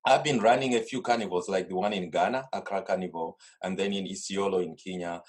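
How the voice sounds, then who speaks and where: A middle-aged Zimbabwean man, a carnival organiser appearing as a guest, talks casually and at length over a video call from his home studio desk. His voice is low and husky and a little fast. He tells stories in a rambling way, restarting often.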